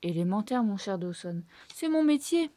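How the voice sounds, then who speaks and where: A woman voicing a clever, excitable male mouse detective with a brisk, self-assured manner, in a storybook reading. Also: mid-range voice, lightly acted. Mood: confident.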